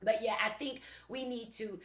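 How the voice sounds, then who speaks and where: A woman's voice: on the high side, fairly even intonation, normal speed, fairly bright tone. A young adult woman co-hosting a casual podcast chat, talking emphatically and laughing often. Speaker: podcast co-host. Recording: roomy echo.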